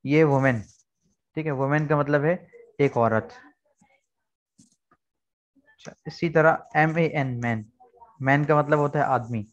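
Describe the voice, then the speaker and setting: A man's voice: fairly high pitch, takes it slowly, pauses often, lo-fi sound. A man teaching an online English lesson, explaining words patiently and repeating key points. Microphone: video call.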